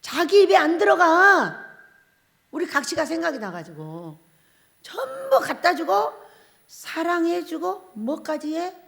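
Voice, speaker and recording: A woman pastor preaching a revival sermon, animated and laughing often as she puts questions to the congregation. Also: very high voice, measured pace, gravelly.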